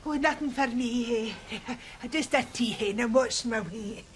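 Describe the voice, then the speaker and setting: Actress doing nosy old scottish woman, broad accent, highish voice, sitcom, bit of background noise. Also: moderate pace, lightly acted. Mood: chatty. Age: older. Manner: gossipy, hesitant, full of "eh". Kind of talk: naturalistic sitcom acting.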